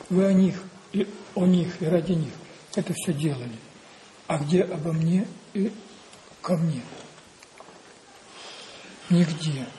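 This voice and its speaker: A male preacher delivering a sermon in a dark, mellow voice. He talks slowly and deliberately, circling back to the same phrases and putting rhetorical questions to his listeners. A faint hiss sits under his voice. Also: high voice, low-quality recording.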